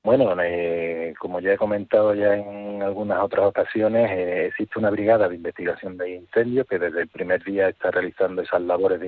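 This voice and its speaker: A man's voice: deep voice, no echo. A man, an official being interviewed by phone, explaining technical details hesitantly with many restarts. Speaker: fire service deputy director, interview guest. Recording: dry tinny phone line.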